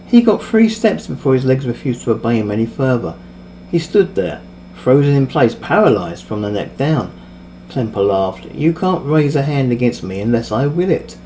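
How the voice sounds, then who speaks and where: A man narrating a fantasy story in a steady, expressive storytelling manner. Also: mid-range voice, slight background noise, poor audio. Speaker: audiobook narrator. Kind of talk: scripted narration.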